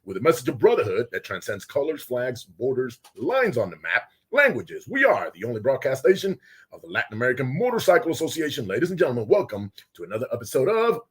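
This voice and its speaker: A man hosting a casual live show from a small studio with guests, loud and excitable, often laughing. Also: medium pitch, quick pace, slightly rough. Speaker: host.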